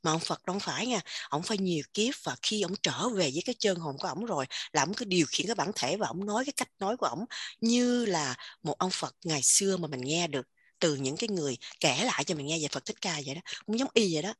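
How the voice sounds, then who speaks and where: A woman with a Southern Vietnamese accent giving an animated casual spiritual talk, repeating words in quick emphatic bursts. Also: lowish voice, breathy edge. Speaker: religious teacher sharing insights.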